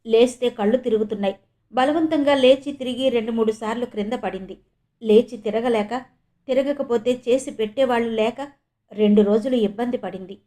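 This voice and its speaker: A woman from India narrating a novel as an audiobook in a calm, steady storytelling manner. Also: fairly high pitch, normal speed. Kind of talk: novel reading.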